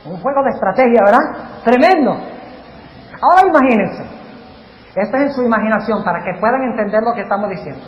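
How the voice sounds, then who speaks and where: A male pastor preaching a sermon to a live audience in a large hall, animated and quizzing the crowd with questions. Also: very high-pitched, brisk, long pauses, dull audio. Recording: echoey hall, faint noise.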